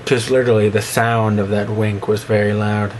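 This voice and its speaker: At a moderate pace and with little pitch movement, a vlogger with a slight lisp rambles casually to camera. He pokes fun at himself and sometimes breaks into squeaky fake voices, with faint hiss or hum audible.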